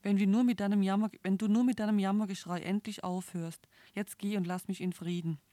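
A woman's voice: medium pitch, fairly even intonation, normal speed, warm tone, no echo, natural voice. A woman reading the part of a poor, proud farmer husband who snaps harshly under pressure. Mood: exasperated. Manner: harsh, exasperated outbursts. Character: desperate poor male farmer, proud and quick-tempered.

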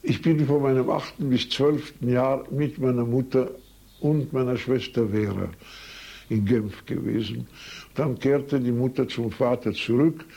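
This older man from Switzerland, whose first language is French, talks through his life in an interview captured on tape, digressing into anecdotes and frequently pausing or correcting himself. His gravelly, mellow mid-range voice has a breathy edge, and he speaks unhurriedly with fairly even intonation.

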